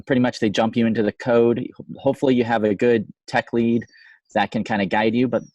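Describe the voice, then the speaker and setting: A man's voice: on the low side, a little mellow, no echo. A man co-hosting a casual podcast discussion, his voice slightly fuzzy and distorted from too much microphone gain. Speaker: podcast co-host, software developer. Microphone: close microphone with gain too high.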